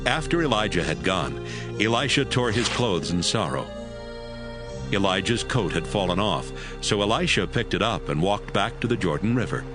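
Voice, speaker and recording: This dramatized scripture audiobook is voiced by a man whose low tones carry lots of expression at a normal speed. Music can be heard distinctly under the reading.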